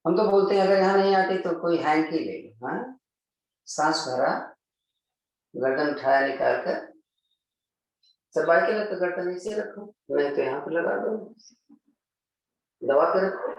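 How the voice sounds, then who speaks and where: A man teaching a yoga class, talking students through each pose step by step. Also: on the high side. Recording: very echoey room, mic at a distance.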